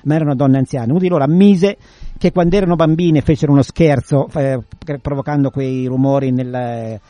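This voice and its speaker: A man's voice: mid-range voice, a little fast, dark tone, no echo. A man hosting a radio talk, explaining in a casual way and often correcting himself mid-sentence. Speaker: radio host.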